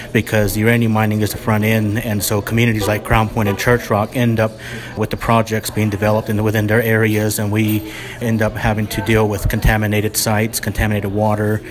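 Flat-voiced man with a crowd behind. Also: on the low side. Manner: even, deliberate with fillers. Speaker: activist interviewed. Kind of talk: interview statement.

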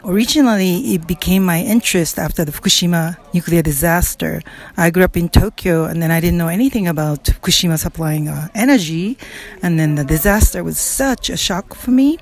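Woman from Japan, low and thoughtful. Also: a little fast. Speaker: researcher at an event. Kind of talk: interview statement.

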